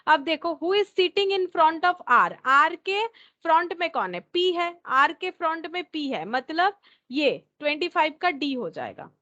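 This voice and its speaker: A woman teacher with a high voice walks through a problem, repeating each step as she thinks it out. She slips English terms into her explanation. The recording sounds a little dull and lo-fi. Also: sing-song, slow, pushed and bright. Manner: mixes English terms into Hindi. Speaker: reasoning teacher. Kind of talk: explaining a test question.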